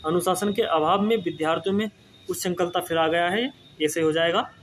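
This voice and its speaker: Preparing students for exams, a young man goes over Hindi spelling in a high-pitched, fairly quick voice. He patiently repeats the words and keeps asking "ठीक है ना" to make sure his class is following. There's a little hiss or hum on the recording.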